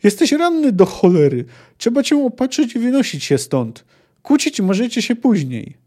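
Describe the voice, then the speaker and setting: A man reading the lines of an excitable, anxious troubadour with a raised, near-shouting delivery. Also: extremely high pitch, moderate pace, pitched above the performer's own voice, exaggerated voice. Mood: alarmed.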